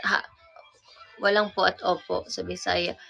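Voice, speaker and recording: Slow, gravelly young woman with Cebuano accent. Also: fairly low pitch, level tone, a bit bright, faint music behind. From Cebu, Philippines. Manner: patient, repeats words and self-corrects while explaining. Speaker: livestream host. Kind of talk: casual livestream chat teaching Bisaya words. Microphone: phone or camera mic on a livestream.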